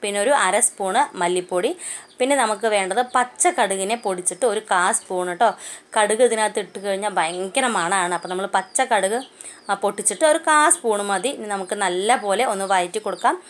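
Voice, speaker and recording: Quick-talking chatty Malayali home cook. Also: female voice, mid-range voice. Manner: chatty, homely, keeps adding "kettō" asides. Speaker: cooking channel host. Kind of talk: casual cooking vlog narration. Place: home kitchen. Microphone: phone.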